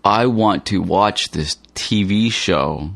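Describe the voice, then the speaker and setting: A man's voice: on the low side, slow, gravelly, a bit bright, no room sound. A man reading everyday dialogues aloud for English learners with a plain, careful delivery. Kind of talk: slow scripted dialogue reading.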